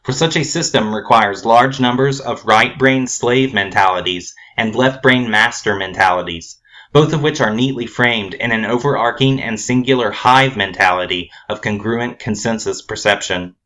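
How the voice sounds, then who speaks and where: A man's voice: medium pitch, normal speed, bright, forceful tone. Man reading a grave scripted essay. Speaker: essayist narrator.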